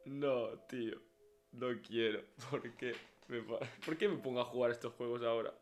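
A man's voice: mid-range voice, fairly even intonation, normal speed, soft background music. A man with a Spain Spanish accent streaming a horror game live, jumpy and swearing, talking to himself and dropping to whispers.

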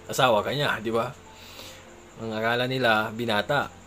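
Man vlogger giving casual advice in a mid-pitched voice. He keeps checking for agreement and chuckles now and then. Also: fairly even intonation, normal speed, bright, forceful tone, slight background noise. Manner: conversational, keeps asking "di ba?" for agreement; chuckles between remarks. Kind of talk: casual chat.

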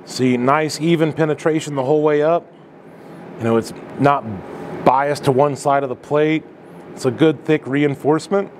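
A man's voice: mid-range voice, a little hiss or hum. A man in his thirties, a welding instructor, talking casually through a demonstration in an indoor welding shop, loose and conversational, with frequent fillers.

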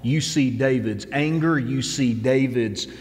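A man's voice: medium pitch, a little slow, big-room sound. A man in his fifties, a pastor giving a conversational, earnest sermon from a church stage. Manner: earnest, conversational preaching with repeated phrases.

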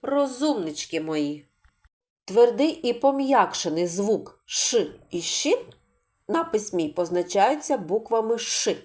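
A woman's voice: mid-range voice, big pitch swings, a little mellow. A woman teaching a literacy video lesson for preschool children, patiently sounding out words and asking the kids questions. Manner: patient, slow and singsong, stretching out sounds for children.

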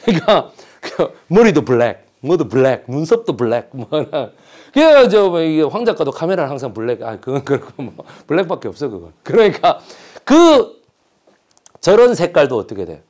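A man giving a storytelling history lecture, animated and jokey, often asking his audience questions and acting out quotes. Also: a little high, normal speed. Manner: slips into dialect when quoting figures.

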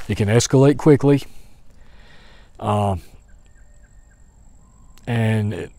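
A man in his forties walking outdoors through woods, thinking out loud in a hesitant commentary with many restarts, recorded on a phone held at arm's length. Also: fairly low pitch, drawn-out words, creaky, dry recording. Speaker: vlogger. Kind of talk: walk-and-talk commentary.

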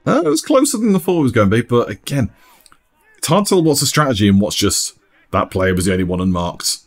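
A man giving relaxed, chatty commentary over an amateur football match, often laughing. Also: mid-range voice, quick pace.

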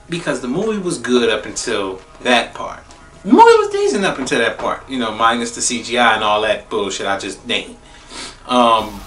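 A young man giving a casual spoiler movie review, profane and blunt, repeating phrases for emphasis and jumping into high exclaims. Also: recorded from a distance. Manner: animated, jumps into high exclaims. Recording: roomy echo, a bit off-mic, faint music behind.

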